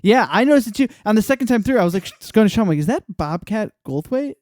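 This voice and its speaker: A man co-hosting a casual podcast, talking in an animated, joking, emphatic way on a close mic. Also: high-pitched, rapid-fire, dry recording. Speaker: podcast co-host.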